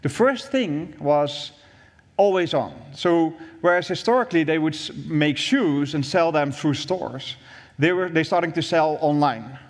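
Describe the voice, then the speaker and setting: A man's voice: fairly high pitch, a little slow. Man explaining at a conference. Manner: explanatory, repeats words while thinking. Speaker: industry VP presenting. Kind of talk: conference presentation. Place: conference room on stage. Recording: long hall reverb.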